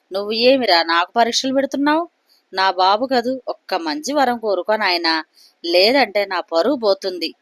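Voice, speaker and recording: A woman's voice: mid-range voice, dry recording, lightly acted. A woman voicing a goddess who coaxes and scolds a man into asking for a boon. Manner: coaxing, scolding. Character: indulgent goddess granting a boon, coaxing, maternal.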